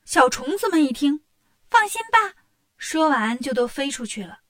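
Lively woman reading kids' stories, high voice, dry close mic. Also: normal speed, dry recording. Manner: lively, expressive. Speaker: storyteller. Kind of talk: children's story narration.

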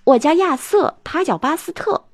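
A woman's voice: high-pitched, animated, moderate pace, dry recording, clean studio sound, voice pushed up. A woman voicing a polite, anxious young schoolboy in a children's storybook reading, earnest and pleading. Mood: urgent.

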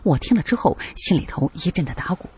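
A man's voice: a little high, lively intonation, fast, a little mellow, husky. A male narrator telling a first-person adventure story in a dramatic, colloquial way.

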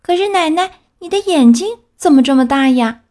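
A woman's voice: sits high, lively intonation, moderate pace, a little mellow, pitched above the performer's own voice. A woman voicing a sweet, trusting little girl who asks eager, innocent questions. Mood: wondering.

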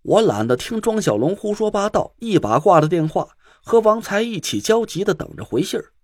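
A male audiobook narrator with a slightly raised, husky voice and a very lively, animated delivery. He tells a first-person story with tension, recorded close and dry. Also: sits high, moderate pace, no room sound.

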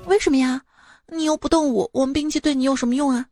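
A woman's voice: high voice, fairly even intonation, fast, mellow, dry recording, studio quality, soft background music, pitched above the performer's own voice. A woman voicing the monkey king, a restless, cheeky disciple who whines and complains to his master. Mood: whining.

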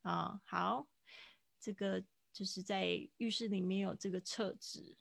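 Woman, English teacher, live online class, patient explaining, gravelly voice, dry sound. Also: mid-range voice, fairly even intonation, a little slow, no room sound. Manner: patient explaining, mixing English phrases into Mandarin.

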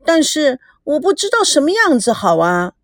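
Woman voicing an earnest, chubby schoolgirl; high and eager. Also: big pitch swings, normal speed, no echo, clean studio sound. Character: chubby eager teenage girl.

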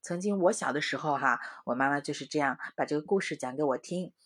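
A woman in her thirties telling a children's bedtime story in a gentle, expressive, singsong way. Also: low-pitched, fast, slightly rough.

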